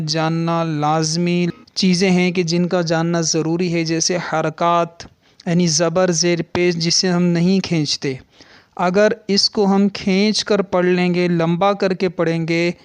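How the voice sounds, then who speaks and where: A man's voice: high voice, clear, resonant tone, no room sound. A man teaching the rules of Quran recitation in an earnest, instructive way, sounding out letters to show the difference between them. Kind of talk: religious lesson on Quran recitation.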